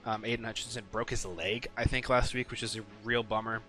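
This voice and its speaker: A man's voice: fairly low pitch, steady tone, a little fast, pushed and bright, soft background music. A man casually talking through his weekly game picks, rambling with lots of ums and some swearing. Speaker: sports picks video host. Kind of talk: casual solo commentary.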